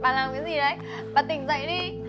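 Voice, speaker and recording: A woman's voice: high-pitched, fast, over music, natural voice. A woman in her twenties playing a weepy young woman, the sister's best friend, talking in a whiny, complaining way. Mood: distraught. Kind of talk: web drama acting.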